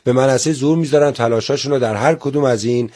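A man in a studio interview who speaks in a polite, formal way. His pitch sits in the middle of the male range, and he tends to break off and restart his sentences. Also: a little mellow. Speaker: guest, theater organizer.

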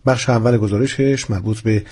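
A man narrating a story in a steady, storytelling manner. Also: on the low side, slightly rough.

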